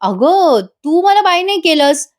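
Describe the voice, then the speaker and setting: A woman's voice: very high voice, very animated, a little slow, voice pushed up, exaggerated voice. A woman voicing a young husband who teases his wife playfully, in a coaxing manner.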